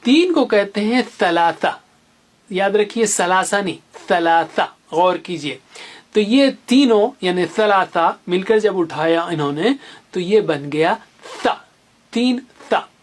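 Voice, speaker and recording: A patient teacher leads a beginner's tajweed lesson at an unhurried, deliberate pace. Each letter sound is drawn out and repeated several times. Short memory stories help explain the shapes of the letters. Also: medium pitch, lively intonation. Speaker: Quran teacher.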